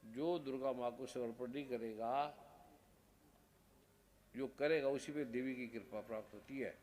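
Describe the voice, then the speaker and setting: A man's voice: mid-range voice, unhurried, darkish tone, a little hiss or hum. A man, a spiritual guru, preaching a devotional sermon in short, repeated phrases, stern and earnest.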